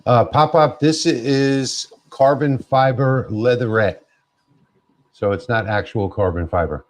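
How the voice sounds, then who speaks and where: A man's voice: mid-range voice, takes it slowly. A man hosting a casual livestream from a home laser workshop, chatty and thinking aloud on a wireless mic. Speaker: livestream host. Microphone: wireless clip-on mic. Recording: slightly muffled livestream audio.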